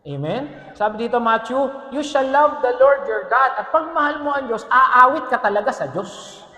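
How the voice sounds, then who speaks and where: A male pastor preaching a lively sermon to his congregation. He jokes, mixes in English phrases and keeps asking "Amen?". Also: very high-pitched, normal speed. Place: church hall. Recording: echoey church hall with long reverb.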